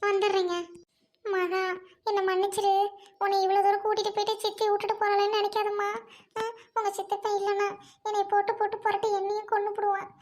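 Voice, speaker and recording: An anxious aunt, tearful and apologetic, as a woman puts her on. She speaks quickly and pleadingly, like someone who has to leave soon, in an amateur dialogue drama. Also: extremely high pitch, darkish tone.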